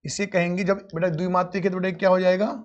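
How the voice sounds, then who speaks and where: A man with a high voice teaches grammar in a live online class, speaking fast with flat delivery. He calls his students "beta" and answers his own questions, and the audio is dull and lo-fi.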